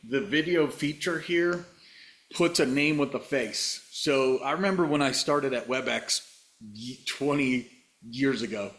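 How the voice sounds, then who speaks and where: A man's voice: medium pitch, measured pace, fairly bright tone, reverberant. A middle-aged man giving an enthusiastic, explanatory webinar demo over a video call. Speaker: webinar presenter.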